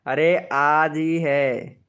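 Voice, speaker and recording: Guy on a livestream, slowish easygoing chat, kinda high smooth voice, keeps repeating himself. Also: flat delivery, a bit bright, dull audio. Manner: chatty, repeats phrases, reads viewer comments aloud. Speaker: live streamer greeting viewers.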